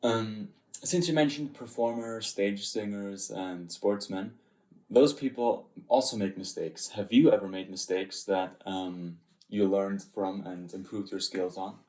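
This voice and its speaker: A man's voice: lowish voice, a little slow, darkish tone, roomy sound. A man hosting an interview, asking questions in a hesitant way with many fillers. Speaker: host. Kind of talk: interview host.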